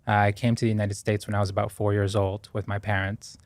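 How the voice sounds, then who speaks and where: This podcast guest, a man in his thirties from Ecuador, talks fast in a lowish, flat voice with no room sound. He reflects earnestly and thoughtfully on his past during the interview, often using fillers and restarting his sentences.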